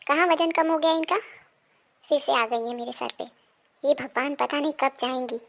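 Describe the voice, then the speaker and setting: A high, slightly gravelly woman's voice as a worn-out young daughter-in-law, played by a woman. She grumbles about her household chores and defends herself with stubborn complaints in a homemade family comedy. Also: normal speed. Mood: grumbling. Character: overworked put-upon young daughter-in-law. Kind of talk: amateur family comedy drama.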